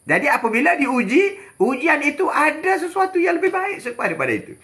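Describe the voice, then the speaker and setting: Lively high-voiced older preacher. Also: male voice, fast. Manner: animated, repetitive preaching with quoted voices. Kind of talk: live religious talk.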